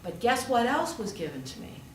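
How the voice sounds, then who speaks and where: Her voice leans high and swings widely in pitch, at a moderate pace, as she gives a storytelling sermon. This pastor and hospital chaplain speaks conversationally, asking rhetorical questions and repeating for emphasis. The recording is roomy and distant, with faint noise.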